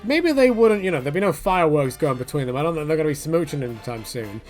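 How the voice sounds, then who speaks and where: With a fairly high, expressive voice and a fast pace, the male video creator delivers loose, rambling commentary, conversational and joking, often putting on mock quotes. Faint music is audible behind him.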